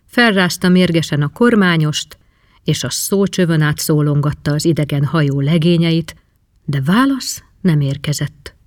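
A man narrating a story in an even, measured storybook style. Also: fairly high pitch, dry recording, studio quality.

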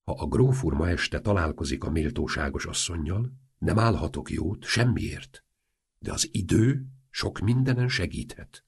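A man voicing a quick-witted, practical painter who speaks urgently and briskly. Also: low voice, expressive, gravelly, breathy edge, exaggerated voice. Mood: persuasive.

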